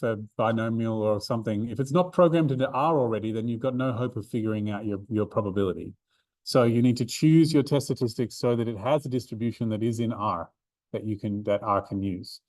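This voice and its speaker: A man's voice: mid-range voice, brisk, darkish tone, no echo. A man giving a revision seminar to statistics students, talking casually with many ums and restarts. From Australia. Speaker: maths tutor. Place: university classroom.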